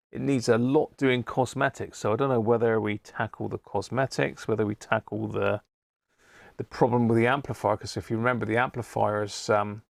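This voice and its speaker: Here, a British host of a live radio-repair stream rambles on in friendly, matey livestream chat. His voice is lowish and creaky, and the recording carries no room sound.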